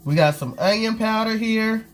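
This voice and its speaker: Speaking at a moderate pace in a higher voice, a woman nasal from a cold chats with viewers during a home cooking vlog. A faint hiss or hum sits under the recording.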